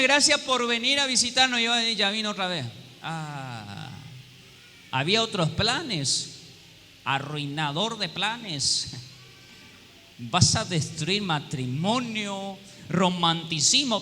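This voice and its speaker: Bright, lively preaching man in a church. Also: sits high. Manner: call-and-response questions to the congregation; humorous, acts out little quoted scenes. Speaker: pastor. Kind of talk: sermon. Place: church hall. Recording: long hall reverb with faint room noise.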